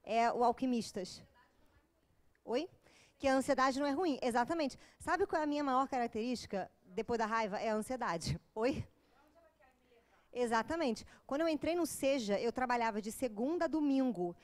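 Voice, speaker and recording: A woman's voice: a little high, normal speed. A woman with a Brazilian Portuguese accent giving an informal, joking lecture to a live audience. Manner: joking, chatty, with acted asides.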